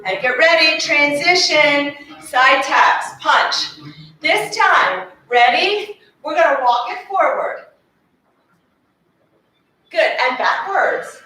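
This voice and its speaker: Bright high-voiced woman leading a workout. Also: animated, slow pace, distant mic. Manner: encouraging, cueing moves while exercising. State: slightly out of breath. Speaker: fitness instructor. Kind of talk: leading an exercise class. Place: carpeted studio. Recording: very echoey room, voice off-mic, faint music.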